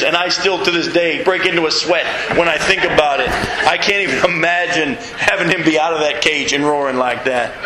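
A middle-aged man preaching a sermon as pastor, animated and reading scripture aloud to his congregation. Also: on the high side, reverberant, noisy background. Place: church sanctuary with congregation.

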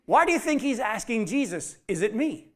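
A man's voice: very high-pitched, very animated, moderate pace. A man pastor preaching a sermon with animation, acting out quoted voices as he reads scripture.

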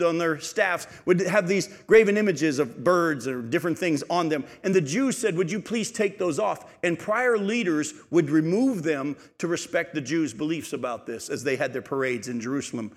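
A man's voice: fairly high pitch, a bit bright. Preaching man in a reverberant hall. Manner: preaching with rising intensity, rhetorical questions. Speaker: pastor. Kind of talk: sermon.

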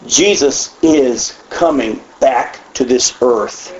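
A man from the United States teaches the Bible in a slow, mid-range voice, keeping it conversational, animated, and folksy. He often goes off on asides and repeats words, and the recording has an echoey, dull lo-fi room sound.

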